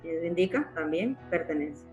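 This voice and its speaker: A woman's voice: sits low, animated, brisk, a little mellow, roomy sound, muffled recording, faint music behind. A woman teacher giving a live online grammar class, explaining patiently and checking in with frequent tag questions. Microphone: computer mic in a live online class.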